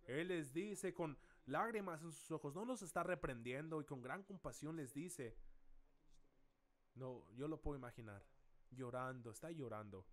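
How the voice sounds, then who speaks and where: Man pastor preaching in church, kinda high voice, goes quiet and slow then big loud calls. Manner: dramatic, swings from soft and slow to loud calls. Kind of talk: sermon.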